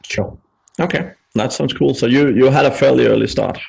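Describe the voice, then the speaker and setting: Gravelly-voiced male podcast host. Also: mid-range voice, moderate pace, a little mellow, slight background noise, rough recording. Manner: jokey, asks rambling questions. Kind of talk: casual interview.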